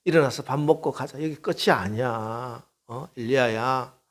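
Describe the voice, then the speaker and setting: A man voicing God as a gentle, fatherly figure who softly coaxes a despairing prophet to get up and eat. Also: mid-range voice, moderate pace, lightly acted. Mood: gently coaxing. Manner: soft, soothing, coaxing.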